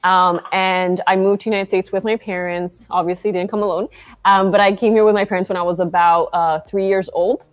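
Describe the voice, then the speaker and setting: A young Argentine woman, appearing as a founder guest on a video call from a bright shop interior, chats casually in an interview with lots of fillers. Her medium-pitched voice is fairly quick with fairly even intonation.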